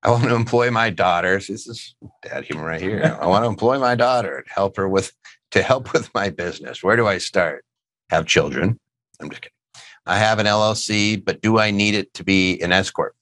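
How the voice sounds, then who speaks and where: A man's voice: low voice, normal speed, a bit bright. A middle-aged man hosting a casual tax question show, answering listener questions and cracking dad jokes. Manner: joking, rambling, dad-humor asides.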